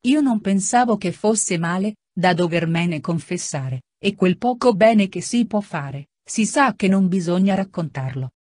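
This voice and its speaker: A woman's voice: mid-range voice, expressive, a little slow, hardly any pauses, darkish tone, no echo, studio quality. Reader doing a shy young peasant girl, humble and earnest, kinda hesitant, storybook voice. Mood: earnest, timid.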